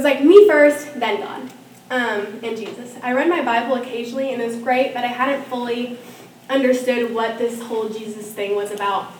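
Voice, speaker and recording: A young woman, a student, telling her personal faith story in a casual way, with many ums and likes. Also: fairly high pitch. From Norman, Oklahoma. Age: young adult. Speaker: student giving testimony. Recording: echoey room, from far off, faint hiss.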